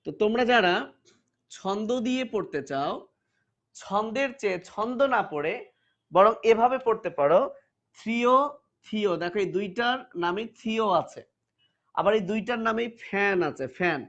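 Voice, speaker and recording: A man's voice: sits high, animated, normal speed, a bit bright. Man drilling terms in a lo-fi lecture. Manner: repeats terms over and over for students to chant back; informal, addresses students directly with warnings. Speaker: biology teacher. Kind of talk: classroom lecture with call-and-repeat drills.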